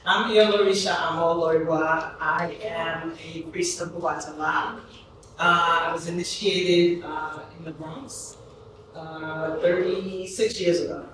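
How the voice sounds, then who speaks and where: A man introduces himself at a slow, halting pace, using a fairly high and flat voice. He is heard from far off in a very echoey room, with faint noise in the background. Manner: slow, hesitant, with many fillers. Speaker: priest.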